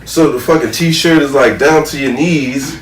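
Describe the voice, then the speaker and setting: The same kind of speaker here: a thirty-something American man on a podcast panel, opinionated and casual, swearing, using slang, and leaning on the same verbal tags. His voice sits on the high side and he takes his time. The mic is distant in a roomy space with faint noise.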